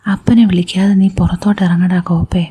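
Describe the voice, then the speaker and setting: A woman's voice: fairly low pitch, flat delivery, brisk, mellow, husky. A woman voicing a crude, teasing young male friend in a whispered role-play, mocking him.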